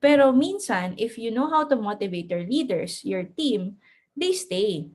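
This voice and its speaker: A woman coaches her team in a relaxed, motivational lesson. Her voice sits a little high, and she switches between languages easily. She laughs often and sometimes stumbles over her words. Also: measured pace. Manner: mixes English into Filipino, laughs often, stammers. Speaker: network marketing mentor.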